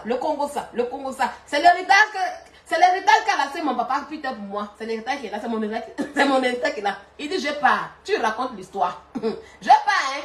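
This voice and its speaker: A woman's voice: high voice, a bit bright, reverberant. A woman hosting a live stream, chatting and gossiping with lots of laughter and urging viewers to send stars.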